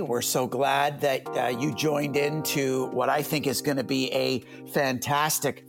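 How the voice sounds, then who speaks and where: Gravelly-voiced pastor hosting a podcast. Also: male voice, fairly high pitch. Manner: friendly, rambling with many fillers. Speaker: host and lead pastor.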